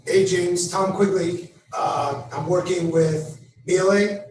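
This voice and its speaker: A hoarse man who has lost his voice speaks softly about his new job, trailing off. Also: high voice, slow pace, distant mic, a little hiss or hum. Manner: soft, trailing off. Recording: echoey, away from the mic, faint background.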